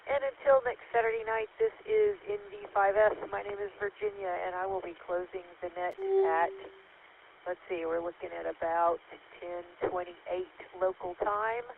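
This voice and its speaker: A woman running an amateur radio net as net control, reading call signs and announcements in a steady way, heard through a radio link with static. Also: mid-range voice, normal speed, creaky. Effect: transmitted over a radio link with static. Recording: tinny radio transmission with faint static.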